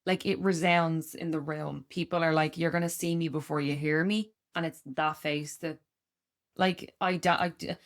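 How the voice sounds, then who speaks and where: A woman in her thirties co-hosting a podcast in casual chat, loud and giddy, candid and quick to laugh. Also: low-pitched, steady tone. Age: 30s. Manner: candid, laughs often, acts out quoted voices. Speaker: podcast co-host.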